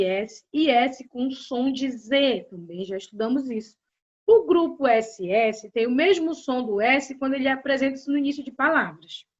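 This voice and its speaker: A woman teacher with a Brazilian Portuguese accent, giving a grammar lesson and talking straight to her students in a slow, deliberate way. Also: sits high. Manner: slow, deliberate explanation addressing students directly. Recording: dull lo-fi audio.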